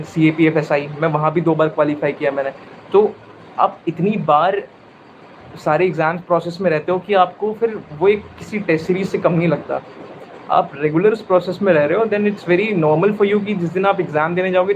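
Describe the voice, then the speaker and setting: A man's voice: on the high side, lo-fi sound, a little hiss or hum. A man, giving exam-prep advice in an interview and mixing in English with many fillers and self-corrections. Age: 20s. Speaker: exam topper sharing preparation advice. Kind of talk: live interview answers.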